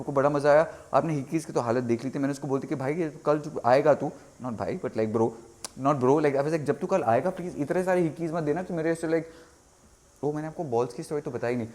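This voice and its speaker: A young man talking casually in a vlog, animated, mixing Hindi and English and acting out quotes. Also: a little high. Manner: animated, mixes Hindi and English, exaggerated quoting. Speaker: vlogger.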